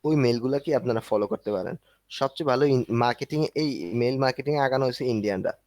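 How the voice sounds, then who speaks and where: A man's voice: medium pitch, racing, darkish tone, no room sound. A man teaching an online class, explaining step by step in a conversational way while walking through a screen. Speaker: instructor.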